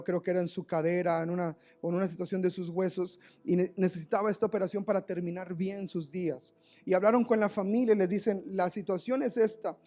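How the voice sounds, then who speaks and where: A man's voice: sits high, darkish tone. A man preaching a live church sermon, telling a story with emotion and often repeating words. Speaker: pastor. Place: church service, recorded live.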